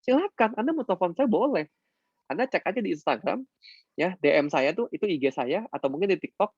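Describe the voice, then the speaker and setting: A man's voice: expressive, fairly quick, a little mellow, breathy edge, dry recording, highs cut off. Chatty teasing man, motivational talk. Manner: chatty, teasing, swings pitch up sharply for emphasis. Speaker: business mentor addressing his downline.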